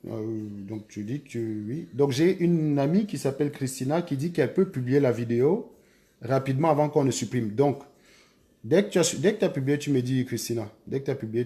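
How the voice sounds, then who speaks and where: Hosting a live stream, a man with a dark, mid-range voice chats casually. Again and again he pushes his viewers to hurry, his tone urgent.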